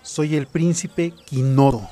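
A man's voice: a little high, slow pace, warm tone. A man playing an earnest, confident young prince in a children's audio story. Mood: earnest, firm.

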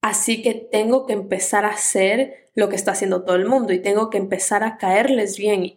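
A woman who creates online content talks through casual advice in a calm, unhurried way, sometimes softly, dropping in English words now and then. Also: medium pitch.

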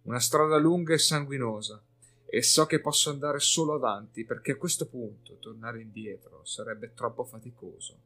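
A man's voice: medium pitch, normal speed, bright, forceful tone. A man voicing a weary male warrior, speaking earnestly with his voice lifted a little, with faint music behind.

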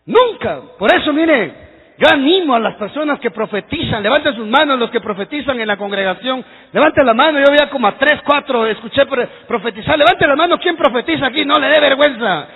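A man preaching fervently to his congregation, raising his voice to shouts and speaking to them directly. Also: very high-pitched, vocal fry, husky. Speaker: pastor. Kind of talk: sermon. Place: church hall. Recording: dull lo-fi recording in echoing hall.

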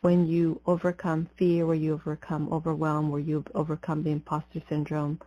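A woman guiding a breathing meditation as a spiritual coach, in a soothing mystical healer manner with deliberate pauses. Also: low-pitched, monotone, dark tone. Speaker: podcast host and spiritual coach. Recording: slightly dull, muffled lo-fi audio.

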